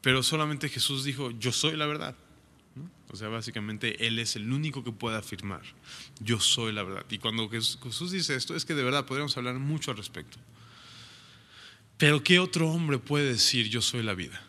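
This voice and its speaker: A man's voice: mid-range voice, expressive, moderate pace, sharp tone. A man teaching from the Bible in a conversational sermon, reading verses aloud and then commenting with frequent rhetorical questions. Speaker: preacher. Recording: long reverberant room.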